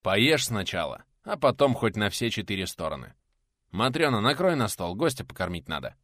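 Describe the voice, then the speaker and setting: Audiobook: a man voicing an old pensioner who barks orders, with a lively swinging voice. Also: fairly low pitch, moderate pace, no room sound, studio quality. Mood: commanding. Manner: barking orders. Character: furious elderly pensioner man, commanding.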